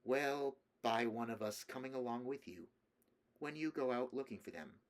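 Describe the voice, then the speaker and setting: Man reading a soft, placating female android. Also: mid-range voice, normal speed, natural voice. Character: calm, persistent female android offering help.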